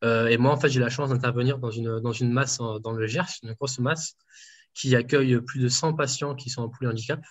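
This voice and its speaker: A man's voice: medium pitch, steady tone, a little fast. A man working as a home nutrition dietitian, answering interview questions casually with many fillers and restarts. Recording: dull lo-fi sound.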